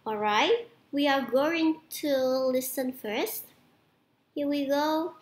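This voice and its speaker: A woman with a Vietnamese accent teaching an online English lesson, mixing Vietnamese and English and repeating words slowly for students. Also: high-pitched, reverberant. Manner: slow, drawn-out repetition of words for students.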